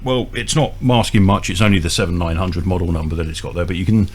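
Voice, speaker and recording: Speaking fast in a low, steady, slightly rough voice with a darkish tone, a man demonstrates equipment at a small indoor bench. His informal, step-by-step explanation is hesitant. The recording carries audible electrical hum and noise.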